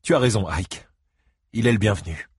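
A man's voice: fairly low pitch, expressive, moderate pace, slightly rough, no room sound, studio quality. A man voicing a wary middle-aged grandmother who guards her home and family. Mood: forced cheer.

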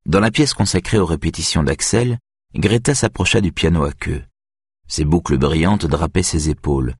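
Male narrator, very low and husky, measured audiobook read. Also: dry recording, clean studio sound. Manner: even, measured reading.

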